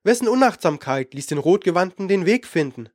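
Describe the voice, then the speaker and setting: A man's voice: high voice, expressive, fairly quick, a little mellow, dry recording, clean studio sound. Young guy mage, urgent, grave, clipped lines , reader doing him. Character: young male apprentice mage, tense and hurried.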